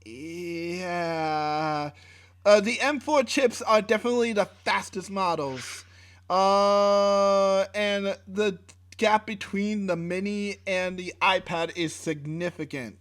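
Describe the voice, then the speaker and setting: The co-host, a man with a high, slightly bright voice, speaks slowly on a laid-back tech podcast. Reading specs in casual chat, he uses many fillers and restarts and swears mildly.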